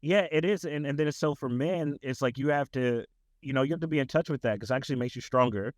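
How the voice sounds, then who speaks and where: A man's voice: medium pitch, quick pace, dry recording. A man who works as a tutor director, talking casually as a podcast guest in a loose, rambling way full of "like" and restarts.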